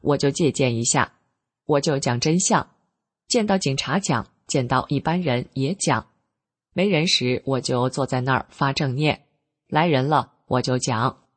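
Middle-aged woman telling her own story, kinda raspy, earnest and plain. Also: extremely low pitch, measured pace. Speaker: narrator of a personal account. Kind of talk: first-person storytelling.

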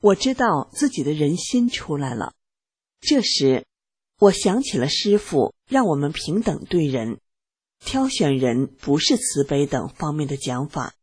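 A woman radio reader giving a steady, earnest scripted reading of a first-person testimony on a studio microphone. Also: deep voice, measured pace, husky, no echo.

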